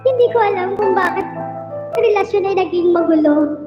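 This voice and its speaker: A woman's voice: extremely high pitch, normal speed. A woman livestream host dramatically reading heartbreak letters aloud, teasing her partner between them. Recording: roomy, dull, with music behind.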